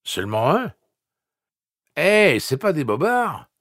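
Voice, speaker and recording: A man voicing a drunken middle-aged rancher who rambles excitedly on a phone call. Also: a little high, slow, no echo, studio quality, voice pushed up, heavily acted. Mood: rambling.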